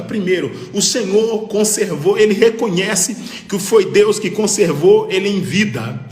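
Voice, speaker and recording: A man preaching a fervent Pentecostal sermon as pastor, rising to shouts and breaking into tongues. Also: sits high, echoey room, in a large hall.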